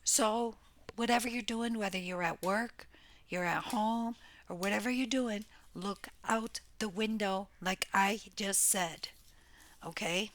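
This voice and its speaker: A woman's voice: medium pitch, unhurried, fairly bright tone. A woman doing a casual tarot reading for her viewers, blunt and exclaiming, with the odd curse. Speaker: tarot reader. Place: home room near a window.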